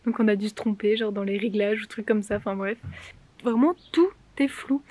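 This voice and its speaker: A young woman vlogger tells stories in a loose, rambling, informal way, as if she's chatting with friends. Her mid-range voice is level and a little mellow, and she talks fast.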